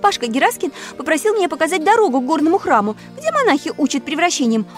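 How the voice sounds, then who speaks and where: Brief: woman playing a high, flustered shape-shifter girl, loud and breathless. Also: sing-song, quick pace, soft background music. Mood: pleading.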